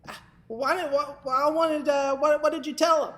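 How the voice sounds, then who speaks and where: A woman's voice: sits high, steady tone, normal speed, fairly bright tone, slight background noise. A woman voicing a cheeky, whiny, vain talking pill-bottle puppet in a children's show, often stammering. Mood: stammering, questioning.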